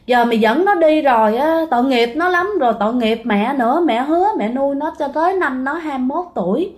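A woman's voice: high-pitched, lively intonation, fairly quick, a little mellow, voice pushed up. A woman voicing an elderly grandmother who earnestly implores her dead son's spirit, speaking with a Southern Vietnamese accent. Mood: pleading.

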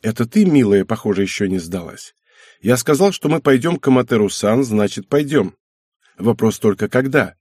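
A male narrator plays a calm, wry family man who teases his wife and soothes her. The voice is husky and close, recorded dry like a storybook reading. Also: mid-range voice, normal speed, no room sound, natural voice. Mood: relaxed. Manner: relaxed, mildly teasing. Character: calm, wry middle-aged husband and father.

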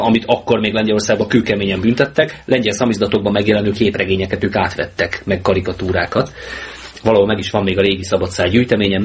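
Joking, sarcastic male radio host. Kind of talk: casual talk radio chat. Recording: low-bitrate mono mp3 with faint hiss.

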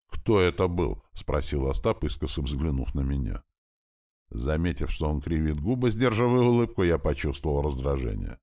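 Very deep-voiced male audiobook narrator. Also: a little mellow. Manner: dry, sardonic storytelling. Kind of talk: first-person audiobook narration.

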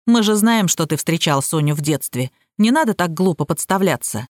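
A woman narrator voicing a calm male investigator who soothes and lectures in a lower voice. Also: moderate pace, no room sound, studio quality, close to an everyday voice. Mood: soothing.

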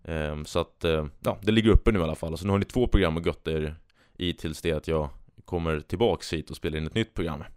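A man's voice: rumbling low, fairly even intonation, hardly any pauses, darkish tone, dry recording, studio quality. A man hosting a solo podcast, chatting casually and reading out jokes with a rambling, self-amused manner. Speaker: podcast host.

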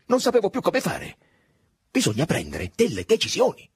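A man reading the part of a hurried, overbearing lieutenant colonel in an audiobook, brisk and falsely cordial. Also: low voice, big pitch swings, breathy edge, no echo, studio quality, exaggerated voice. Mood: insistent. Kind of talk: audiobook dialogue.

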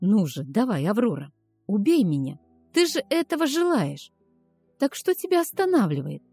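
A woman's voice: mid-range voice, sing-song, normal speed, slightly rough, dry recording, soft background music. Woman voicing a barking werewolf pack leader. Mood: commanding. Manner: barking orders, shouting. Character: male werewolf pack leader, commanding, short-tempered.

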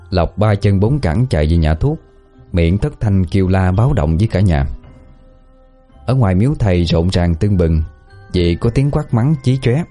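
A man narrating a ghost story in a steady, lively storytelling manner. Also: low voice. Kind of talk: scripted audio-story narration.

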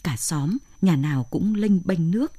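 A woman, narrating a story in a plain, steady way. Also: fairly low pitch, a little slow, no room sound. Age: 60s. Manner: plain, steady telling with lists of short phrases.

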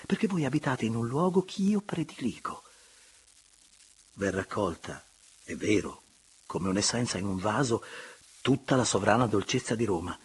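A man reading aloud, voicing a gallant, passionate young gentleman who speaks in courtly phrases. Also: fairly low pitch, very animated, moderate pace, long pauses, slightly rough, exaggerated voice.

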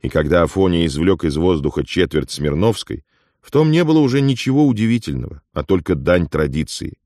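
Male audiobook narrator, low voice, expressive intonation, dry close recording. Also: brisk, no room sound.

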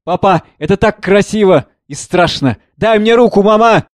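A man's voice: high-pitched, normal speed, dry recording, studio quality, pitched above the performer's own voice, natural voice. A man reading the part of a wounded young son who speaks in an eager, urgent rush.

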